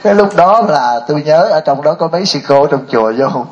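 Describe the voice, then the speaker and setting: A man's voice: fairly high pitch, lively intonation, brisk, muffled recording. An older man giving a Buddhist dharma talk, telling stories and often asking the audience rhetorical questions. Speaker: Buddhist monk.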